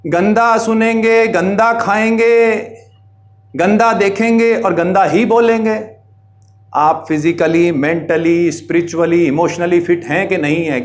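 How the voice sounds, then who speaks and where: Preachy man lecturing his audience. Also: sits high. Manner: exhorting, rhetorical questions, preachy. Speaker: social media commentator. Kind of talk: direct-to-camera monologue.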